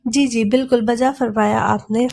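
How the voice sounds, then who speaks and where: A woman's voice: fairly high pitch, steady tone, normal speed, gravelly, darkish tone. A woman voicing a playful young man who teases his brother mischievously. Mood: teasing. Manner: teasing, mischievous.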